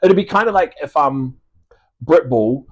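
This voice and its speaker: Here the same kind of guest sounds a little high and animated, though he keeps a measured pace. This Australian man in his thirties, with a mixed Australian–New Zealand accent, chats casually on a podcast, swearing and starting over as he rambles.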